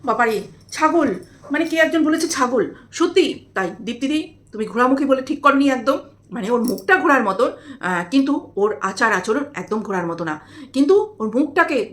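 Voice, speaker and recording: A woman vlogger talks in casual, mocking commentary. She scolds, repeats herself and speaks with a sarcastic edge and many fillers. Her voice sits high for a woman. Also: a bit bright. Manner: scolding, exasperated, repetitive.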